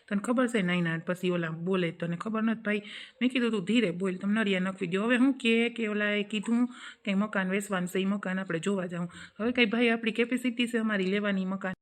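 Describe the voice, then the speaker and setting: A woman's voice: mid-range voice, natural voice. A woman playing a middle-aged sister-in-law who nags and complains in a comic family sketch. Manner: complaining, scolding.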